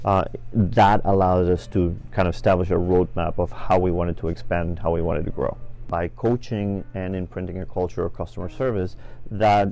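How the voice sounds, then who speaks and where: Middle-aged businessman from Venezuela, low warm voice, thoughtful and hesitant interview delivery. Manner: measured, with frequent fillers and restarts. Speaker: franchise business owner. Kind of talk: interview answers.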